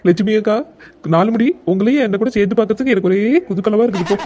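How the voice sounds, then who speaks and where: Casual: woman doing a cheeky village girl, talks fast, teasing her neighbors. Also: mid-range voice, lightly acted. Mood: gleeful. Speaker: cartoon voice actor. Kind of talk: comic cartoon dialogue.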